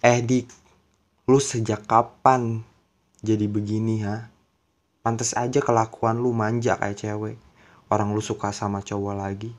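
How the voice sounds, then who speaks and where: A man voicing a blunt, cool young male schoolmate, slangy and gruff. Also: fairly low pitch, little pitch movement, a little slow, pauses often, natural voice. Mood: harsh. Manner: gruff then coaxing, slangy.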